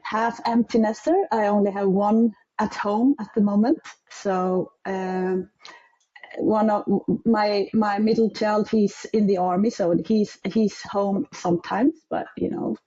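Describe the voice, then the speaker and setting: Icelandic midlife woman, slow and searching for words, mellow dark voice, kinda muffled audio. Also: medium pitch, fairly even intonation. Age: middle-aged. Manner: hesitant, searching for English words. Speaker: guest. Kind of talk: interview storytelling.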